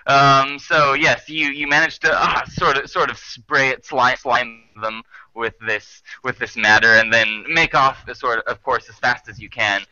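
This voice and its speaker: A man's voice: mid-range voice, fairly even intonation, normal speed, pushed and bright, no room sound, highs cut off. A man running a tabletop game as game master, narrating with many restarts and hesitations.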